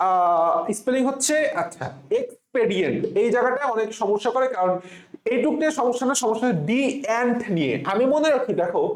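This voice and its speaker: A young man with a Bangladeshi accent teaches spelling for an admission exam. He breaks each word into letters and syllables and drills it with his students. His voice sits high for a man and rings in an echoey room.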